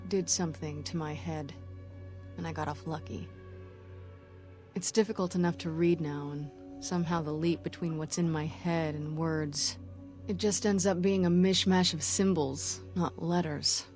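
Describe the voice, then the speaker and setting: An actress playing a hardened, grim operative with a sore throat, speaking tersely in video game dialogue. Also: female voice, deep voice, steady tone, unhurried, darkish tone, faint music behind. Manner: terse, clipped, matter-of-fact.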